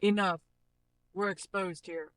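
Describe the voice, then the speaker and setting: With a steady, slightly bright tone, an actor slowly speaks short, dramatic game-style warnings as a grim fugitive, the mood urgent. The lines are processed with pitch and robotic cyborg effects and played as a looping demonstration sample.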